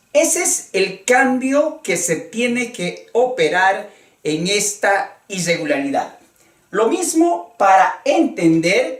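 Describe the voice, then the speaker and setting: Male language teacher, slow and deliberate, animated intonation; distant, echoey room recording. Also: high-pitched. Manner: slow, deliberate, repeats example phrases for learners. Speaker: Spanish teacher. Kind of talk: slow classroom grammar lesson.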